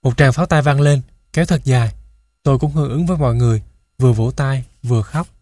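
A man reading a first-person children's story aloud in a steady, measured way into a close mic. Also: medium pitch, no room sound. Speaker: audiobook narrator.

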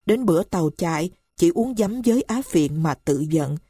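A remorseful young husband pleads tearfully in this storybook reading, voiced by a woman. The voice sits low and dark with a husky edge. The sound is close and dry. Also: animated, normal speed, no room sound. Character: grief-stricken young husband, rash and remorseful.

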